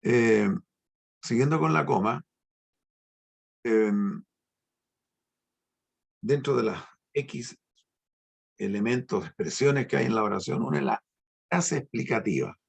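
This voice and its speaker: A middle-aged man teaching a language lesson, explaining slowly and emphatically with tag questions. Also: lowish voice, lively intonation, gravelly, slightly rough.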